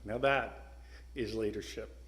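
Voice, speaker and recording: A middle-aged man giving an earnest, emphatic speech to a club, pausing for effect and sometimes restarting his sentences. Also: fairly low pitch, steady tone, a bit bright. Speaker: guest speaker.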